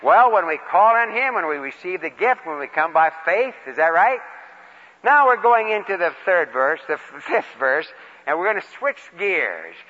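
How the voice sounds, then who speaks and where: A man's voice: high voice, sing-song, normal speed, bright, forceful tone. A man preaching in a folksy, plain-spoken way, mixing questions to his listeners with personal storytelling in short phrases. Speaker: preacher leading a Bible lesson. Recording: dull, reverberant large-hall recording.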